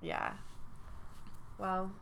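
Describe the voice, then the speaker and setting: A woman's voice: extremely slow, fairly bright tone, a little hiss or hum. A woman in her twenties from the southern United States, co-hosting a podcast in a blunt, rambling casual chat full of "like". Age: 20s. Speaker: podcast co-host.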